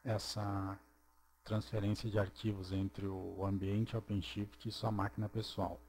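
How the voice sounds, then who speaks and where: A man narrating a screen-recorded programming tutorial, walking through each step slowly and checking in with "ok?". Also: fairly low pitch, flat delivery, a little mellow, slight background noise. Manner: slow, step-by-step, checks in with "ok?" and "certo?".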